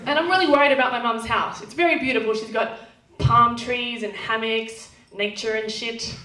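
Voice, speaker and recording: A young Australian woman with a nasal twang does brash, sweary stand-up on a comedy club stage, her fairly high voice pushed and bright at a normal speed. The recording is distant, noisy, and echoey from the club room.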